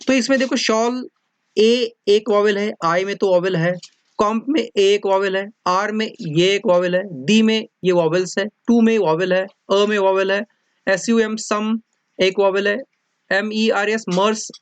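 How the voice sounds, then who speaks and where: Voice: medium pitch, a little slow, smooth, no room sound. A teacher explaining a lesson in a mix of Hindi and English, often repeating points and checking that students follow. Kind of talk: classroom lecture mixing Hindi and English.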